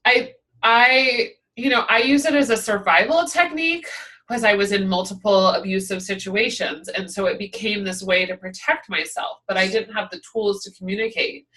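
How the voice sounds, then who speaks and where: A woman coach hosting a group video call, speaking earnestly and with halting emotion. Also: medium pitch, sharp tone. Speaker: coach and host of the program. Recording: distant from the mic on a video call.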